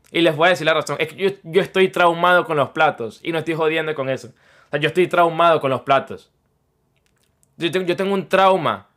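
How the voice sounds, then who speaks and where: Bright-voiced young man, playfully boastful. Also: on the high side. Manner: rambling, playfully boastful, mock self-pitying. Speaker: streamer. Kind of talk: casual stream chat.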